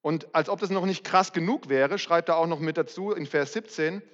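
A man's voice: on the high side, normal speed, fairly bright tone. A middle-aged man preaching a sermon as pastor, candid and self-mocking in a conversational way. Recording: muffled, reverberant hall recording.

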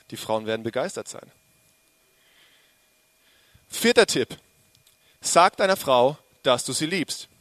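A man preaching a sermon to a congregation, lively and joking, speaking to them directly. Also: mid-range voice, no echo.

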